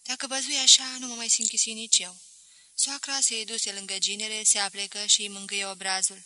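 A woman narrating an audiobook in a calm, measured reading. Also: mid-range voice, dry recording, low-quality recording. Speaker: reader.

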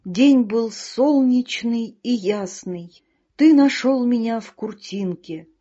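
A woman voicing a vain, pompous male ladybug poet who declaims slowly. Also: a little high, warm tone. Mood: declaiming. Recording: dull lo-fi recording.

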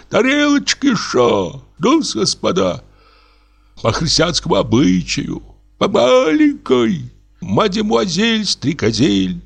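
A man voicing a boisterous tipsy male party-goer who shouts orders to a servant in an audiobook. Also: sits high, creaky, pitched above the performer's own voice, exaggerated voice. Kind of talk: audiobook character voice.

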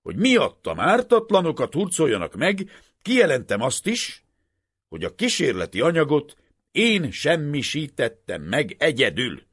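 A principled male professor speaking in a calm, serious and firm manner, as a male narrator puts him on. The voice stays low and husky, with lively rises on his key statements. The recording is dry and close. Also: no room sound, heavily acted.

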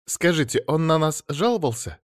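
A man voicing an agitated woman phoning the police, talking fast and pleading, then furious. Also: a little high, very animated, no room sound, studio quality, voice pushed up. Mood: worried, rambling. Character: agitated middle-aged woman caller, shrill and indignant.

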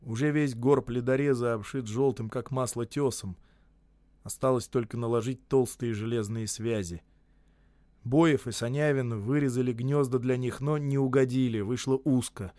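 A man's voice: medium pitch, steady tone, moderate pace, mellow, dry recording. Man reading a story aloud, dry sound. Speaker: narrator. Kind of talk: scripted literary narration.

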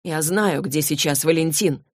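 A captive demon in the form of a young man, read by a woman in an audiobook, sullen and then pleading for his life. The voice sits low and dry. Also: unhurried, no room sound. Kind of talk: audiobook reading.

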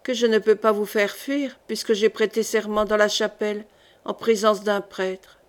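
A woman reading the part of a gruff older male jailer in an audiobook, speaking slowly and with quiet irony. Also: medium pitch, fairly even intonation, lightly acted. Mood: calm ironic.

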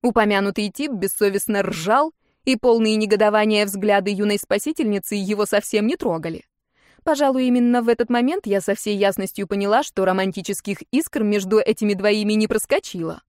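A woman narrating a first-person fantasy audiobook in an expressive, lively storytelling manner. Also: mid-range voice, fairly quick, dry recording, clean studio sound.

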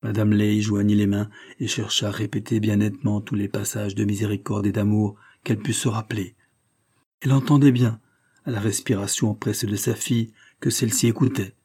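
Husky, mellow male narrator. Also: fairly low pitch, level tone, a little fast. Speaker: audiobook narrator. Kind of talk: literary audiobook narration.

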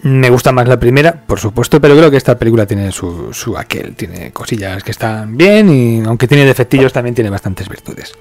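A man's voice: mid-range voice, brisk, hardly any pauses. A man from hosting a casual podcast, chatting about a film and reading out listener comments. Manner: relaxed, chatty, laughs and swears now and then. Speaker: podcast host.

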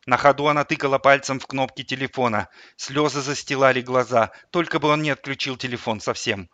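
A man narrating an audiobook with a vivid, expressive reading. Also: medium pitch, a little fast, dry recording, muffled recording.

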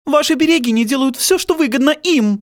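A man's voice: very high-pitched, expressive, brisk. A male audiobook reader voicing a distraught, furious middle-aged mother who shrieks tearful accusations. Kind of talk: audiobook character voice.

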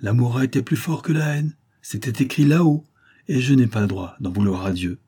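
A man voicing a devoted aristocratic older mother, gentle and dignified in a storybook reading. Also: mid-range voice, a little fast, husky, close to an everyday voice. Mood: tender.

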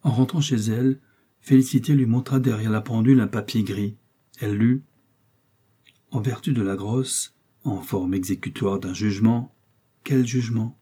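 A man narrating a classic novel in a measured, expressive reading. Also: on the low side, breathy edge. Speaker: audiobook narrator. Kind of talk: scripted literary narration.

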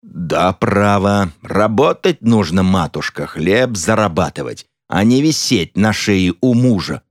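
A man reading an audiobook plays a gloomy, pompous count with a sardonic, gruff manner. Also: fairly low pitch, very animated, a little slow, dry recording, clean studio sound, full character voice. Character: gloomy pompous middle-aged count, turning coarse.

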